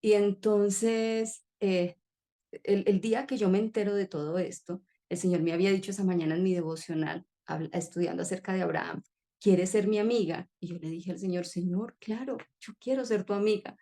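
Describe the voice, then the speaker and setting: Woman guest, heartfelt testimony, soft mellow voice. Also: mid-range voice, fairly even intonation, normal speed. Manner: emotional, earnest storytelling. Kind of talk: personal testimony in conversation.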